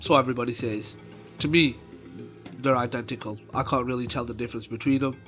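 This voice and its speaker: Game music plays as a YouTuber, nasal with a cold coming on, talks loosely about his gameplay in a medium-pitched, slightly bright, fairly even voice. The delivery is slow and wandering, with plenty of fillers.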